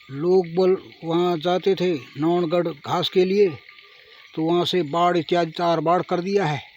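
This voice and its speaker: This vlogger from Garhwal in Uttarakhand has a high-pitched voice with a darkish tone, captured in lo-fi sound with a little hiss or hum. Out in the hills, he sings before chatting casually and sincerely with viewers as if they were friends, his accent showing a slight tinge.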